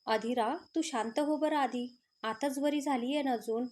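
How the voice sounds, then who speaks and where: A calm young male student reassures his friend, as a woman storyteller reads his lines. His manner stays gentle and caring, and the voice sits high. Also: a little slow.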